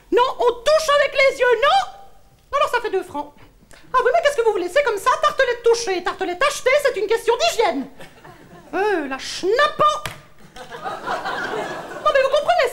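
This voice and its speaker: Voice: fairly bright tone, slight background noise, exaggerated voice. A performer playing a fussy, gossiping middle-aged housewife, catty and melodramatic, in a one-person stage comedy. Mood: bossy. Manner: shrill, catty, melodramatic, fast-switching asides.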